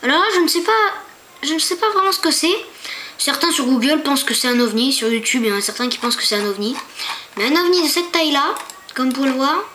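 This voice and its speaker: A woman's voice: sits high, fairly bright tone, a little hiss or hum. A woman giving casual screen-tour commentary for her channel, chatty and hesitant, stumbling over foreign names and asking viewers rhetorical questions. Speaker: YouTuber.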